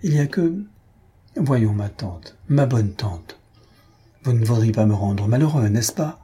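A man's voice: mid-range voice, expressive, measured pace, dark tone, breathy edge. A man voicing an anxious young nephew who pleads hesitantly with his aunt, in a storybook reading. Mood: pleading.

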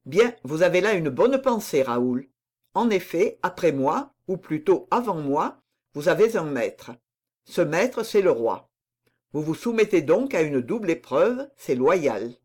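A reader voicing a grave older count and reserved father, speaking in a calm, measured way in an audiobook. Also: mid-range voice. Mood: approving. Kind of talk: audiobook reading of dialogue.

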